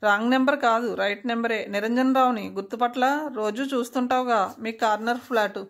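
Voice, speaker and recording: A woman's voice: a little high, fairly even intonation, brisk, lightly acted. A woman voicing a sleazy middle-aged male neighbour who talks in a smug, taunting way in a storybook reading. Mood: leering.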